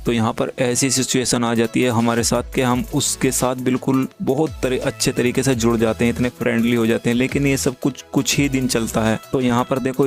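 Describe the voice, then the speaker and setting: Flat-voiced man giving chat tips. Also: medium pitch. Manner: chatty, addresses viewers as brothers, asks 'ok?'. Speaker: social media tips creator. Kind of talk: casual screen-recording commentary. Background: faint background music.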